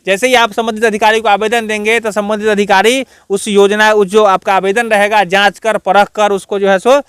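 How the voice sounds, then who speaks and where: A man's voice: high-pitched, level tone, normal speed, fairly bright tone, clear, resonant tone, dry recording, studio quality. A man reporting from a village gathering, questioning people and earnestly urging them to be aware of their rights. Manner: earnest, lecturing, urges civic awareness. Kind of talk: field interview.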